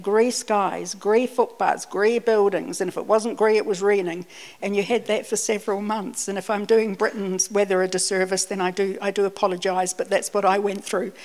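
Preaching conversationally, this woman weaves anecdotes into a personal sermon, often repeating words as she restarts a thought. She comes from Scotland but grew up in New Zealand, and her mid-range voice is a little mellow.

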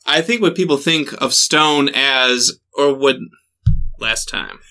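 Bright, giggly podcast co-host. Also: mid-range voice, slow pace. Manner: giggly, stumbling over words, playful. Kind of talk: casual podcast chat.

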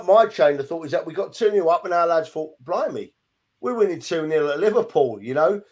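A man chatting casually about football on a podcast, emphatic and full of "you know". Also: a little high. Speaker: podcast co-host.

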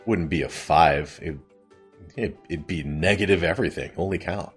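Chatty man recapping a sitcom, husky. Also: deep voice, normal speed, faint music behind. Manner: laughs often, chatty and amused. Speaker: podcast host recapping a sitcom. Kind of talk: casual recap.

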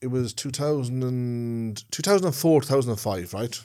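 Here the Dublin-accented podcast co-host sounds mellow, with a medium pitch and a moderate pace. He spins loose, casual stories and keeps checking in with a "yeah?"

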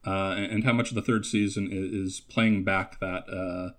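Canadian man, lowish voice, podcast guest, stammery and trailing off. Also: steady tone. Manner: halting, many stammered restarts, trails off softly. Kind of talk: casual chat.

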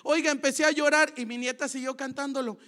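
An older woman preaching a sermon, emotional, swinging from soft murmurs to loud shouts. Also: high-pitched, steady tone, fast.

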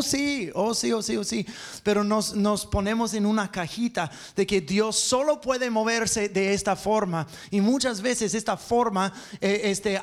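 A man preaching a sermon to a church congregation, moving between quick bursts and slow, stressed phrases. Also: sits high.

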